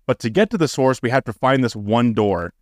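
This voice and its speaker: A man co-hosting a chatty podcast who swears constantly and works himself into high, exasperated rants. His voice sits in a middle register and is recorded dry and close, with no room sound. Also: expressive, brisk, dry recording. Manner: profane, ranting, gets loud and high when exasperated. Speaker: podcast co-host. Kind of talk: casual podcast chat.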